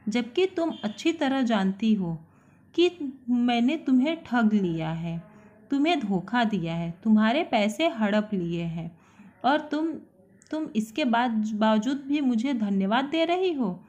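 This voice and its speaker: A woman's voice: on the high side, animated, slow pace. A woman doing a stern scheming house master. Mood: angry. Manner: stern, hard-edged voice. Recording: dull lo-fi recording.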